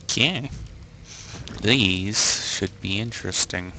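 A man's voice: fairly low pitch, slow, bright, forceful tone, a little hiss or hum. A man giving casual let's play commentary in laid-back, muttered brief asides.

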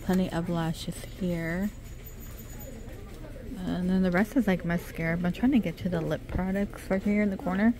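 Mid-aged lady vlogging while shopping, lowish voice, rattles off prices, phone cam in a big store. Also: steady tone, moderate pace, crowd noise. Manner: chatty, reads out product names and prices. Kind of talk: casual shop-with-me narration. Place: department store, indoors. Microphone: handheld phone camera.

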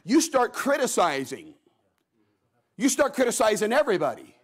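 Casting note: male preacher, high voice, folksy storyteller, acts out voices in the stories he tells. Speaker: guest preacher. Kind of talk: sermon. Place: church.

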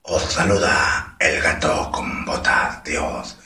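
Puss in Boots: a man putting on a raspy, suave cat with a Spanish accent. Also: steady tone, heavily acted. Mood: suave greeting. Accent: Spain Spanish, put on. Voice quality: raspy, low and hushed. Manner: slow, flirtatious, half-whispered delivery. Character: suave male swashbuckling cat, romantic and smooth. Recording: roomy echo, distant mic.

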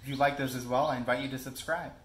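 A young man casually reviewing a tool in his garage and backyard, chatty and relaxed with frequent fillers. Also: mid-range voice, fast talker, reverberant, a little hiss or hum, poor audio. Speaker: product reviewer. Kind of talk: casual product review vlog.

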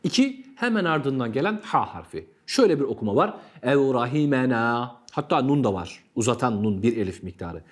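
A man's voice: medium pitch, sing-song, husky. Patient Turkish man teaching recitation. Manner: patient, repeats phrases slowly with demonstrations. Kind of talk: tajweed lesson.

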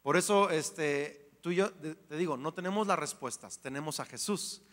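Bright-voiced animated male preacher. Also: fairly high pitch, moderate pace. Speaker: pastor. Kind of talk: sermon. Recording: long hall reverb.

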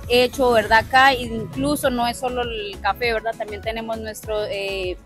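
A woman's voice: fairly high pitch, flat delivery, normal speed, a bit bright. A young woman from Nicaragua, co-owner of a restaurant, explaining her business in a friendly, casual interview outside the restaurant. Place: outdoors at a restaurant front. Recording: faint background music.

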